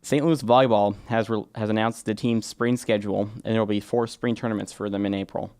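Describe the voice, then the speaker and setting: Fast, gravelly-voiced young man. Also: fairly low pitch, fairly even intonation, a little mellow. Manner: chatty and rambling, restarts sentences. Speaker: co-host of a college sports show. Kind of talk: casual sports talk.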